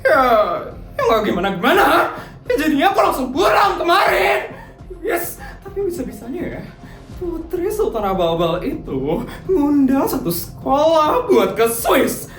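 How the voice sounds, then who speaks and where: A woman's voice: sits high, sing-song, a little slow, roomy sound, faint music behind, pitched above the performer's own voice. [name], a woman voicing a bratty rich schoolgirl. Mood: gloating. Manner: taunting, giggly, loud. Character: spoiled boastful rich schoolgirl, mocking and jealous. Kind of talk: cartoon voice acting.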